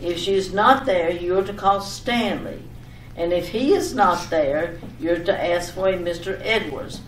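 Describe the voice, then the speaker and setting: Playing a scatterbrained, fussy wife for an old-time radio comedy sketch, this woman piles on repetitive, over-detailed instructions, chatty throughout. She speaks with a lowish voice, slowly, and acts only lightly. The sound is echoey, the mic distant, with a little background noise.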